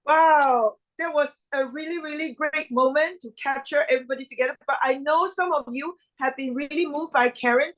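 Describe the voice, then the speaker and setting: A woman's voice: high voice, normal speed, few pauses, poor audio. A woman hosting an online event over a video call, upbeat with formal announcer phrasing. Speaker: event host.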